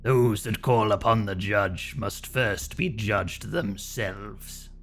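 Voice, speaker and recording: Man acting a stern demonic judge, possessed solemn delivery, low pitch, very measured pace, game role-play, music underneath. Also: a bit bright. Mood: solemn, condemning. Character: stern demonic judge pronouncing doom in fire and blood. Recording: music behind the voice.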